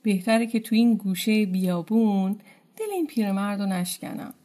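A woman's voice: mid-range voice, expressive, mellow, natural voice. A woman voicing a poor, weary old male thorn-gatherer who talks in a tired, resigned, plain-spoken way. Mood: hushed.

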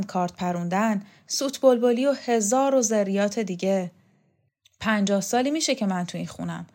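A woman's voice: medium pitch, darkish tone, lightly acted. A woman voicing a weary, bitter old male servant who grumbles in a storybook reading.

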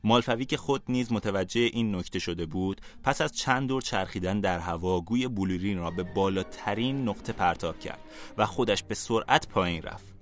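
Low male storyteller, calm podcast narration over soft music.

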